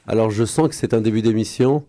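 A man's voice: on the low side, quick pace, warm tone, dry recording. A man hosting a playful radio show, making theatrical jokey introductions. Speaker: radio host.

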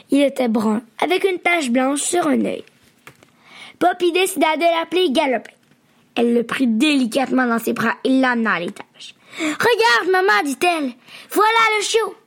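A woman reading a bedtime story to children in a gentle, expressive way. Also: high-pitched, vocal fry.

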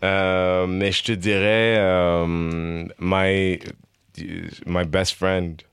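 Low-voiced Quebec man, casual chat. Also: extremely slow, clear, resonant tone, no echo. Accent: Quebec French. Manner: code-switching, laughing, animated storytelling. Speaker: comedian guest.

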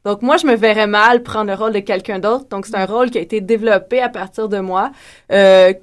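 A woman's voice: mid-range voice, steady tone, fairly quick. A woman answering as a guest performer in a casual radio interview. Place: radio studio.

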